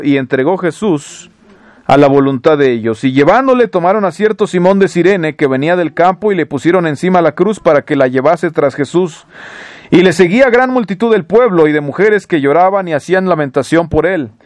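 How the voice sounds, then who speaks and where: A man with a higher voice preaches in a completely dry recording with no room sound. He reads scripture verses aloud, then unpacks them through rhetorical questions.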